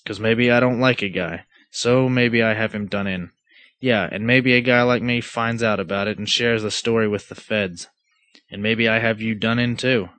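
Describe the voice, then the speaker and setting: A man's voice: fairly low pitch, fairly even intonation, moderate pace, fairly bright tone, lightly acted. A man reading aloud, voicing a smug, menacing fat gang boss who makes oily, mock-polite threats.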